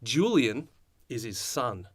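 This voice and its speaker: A young man, co-hosting a comedy podcast and calmly building an absurd movie plot. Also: medium pitch, slow pace, breathy edge, dry recording. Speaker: podcast co-host. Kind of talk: improvised comedy chat.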